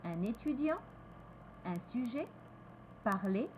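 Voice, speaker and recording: Teacher, female, French accent, very slow and deliberate, lively pitch, faint room noise. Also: poor audio. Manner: repeats each word slowly, switches between French and English. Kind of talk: slow, careful pronunciation lesson.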